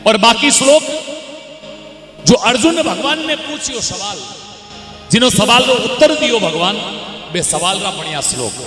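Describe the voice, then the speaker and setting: Brief: male devotional storyteller, bright, lively delivery, long hall reverb. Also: sits high, unhurried, pauses often. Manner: animated, exhorting, addresses listeners as devotees. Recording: echoey hall with music.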